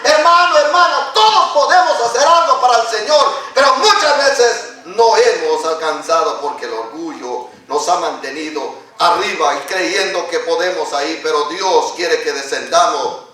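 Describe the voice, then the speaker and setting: A man preaches in a high, bright voice that leaps between booming exclamations and quiet confiding asides. He sounds set back from the microphone, his words ringing through a very echoey church hall. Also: animated, normal speed. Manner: preaches with sudden shouts and hushed asides, mimics other people. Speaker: pastor. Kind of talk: sermon. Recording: echoey hall, mic far off.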